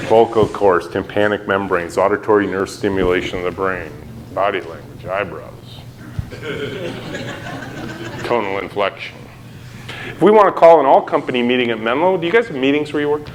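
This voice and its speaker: A middle-aged man giving a conference keynote talk, telling stories in an animated way and acting out quotes with sudden jumps in pitch. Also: moderate pace, pauses often, slight background noise. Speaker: keynote speaker. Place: conference hall.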